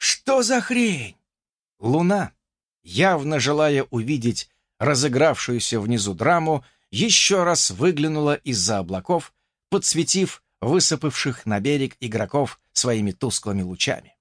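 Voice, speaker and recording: Sex: male. Role: audiobook narrator. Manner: expressive, lively pitch. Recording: dry and close. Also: measured pace, no echo. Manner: expressive storytelling. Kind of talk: first-person audiobook narration.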